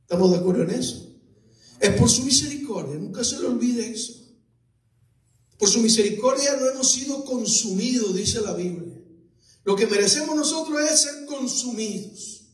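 Fervent male pastor with a very high voice, shouting sermon, echoey room, off mic. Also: expressive, normal speed, far from the mic.

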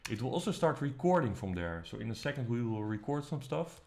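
A man teaching music production, walking through the software step by step in a relaxed, casual way. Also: medium pitch, brisk, creaky, a little hiss or hum. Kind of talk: screen-recorded software tutorial. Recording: faint music playing behind. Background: faint music.

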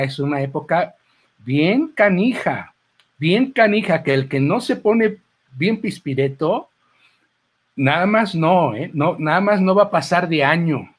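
This Mexican-accented clown has a slightly high, somewhat rough voice. Holding a microphone at an event's presentation table, he gives a loose, talkative book-launch speech that wanders through asides and quotations.

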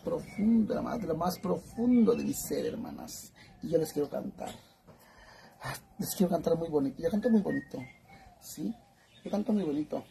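A man's voice: on the high side, vocal fry. Mexican guy going live on his phone, campy and foul-mouthed, lots of noise behind. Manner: campy, brash and foul-mouthed, calls viewers "sisters". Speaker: TikTok live streamer. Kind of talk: casual live-stream chat.

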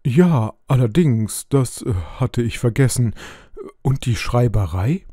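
A man's voice: mid-range voice, lively intonation, slow pace, mellow, husky, no room sound, studio quality. A man voicing a plain, hesitant middle-aged shopkeeper in an audiobook, with filler sounds. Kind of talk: audiobook role reading.

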